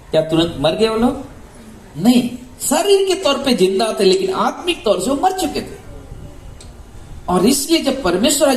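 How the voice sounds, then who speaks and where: A man's voice: high-pitched, a little mellow. A man preaching a sermon as a pastor, posing rhetorical questions and repeating key phrases for emphasis. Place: church hall. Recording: echoey room with faint ambience.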